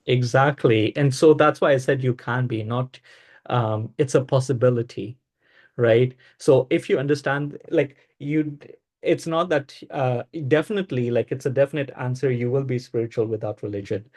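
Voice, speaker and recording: A man with a warm, dark tone leads a casual spiritual discussion. He pauses and restarts often, working his way through each point with fillers. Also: mid-range voice. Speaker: discussion presenter.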